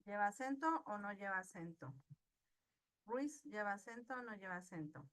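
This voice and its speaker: A woman's voice: mid-range voice, lively intonation, normal speed, a bit bright. A woman teaching an online class, patiently asking her students questions and praising their answers. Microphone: video call.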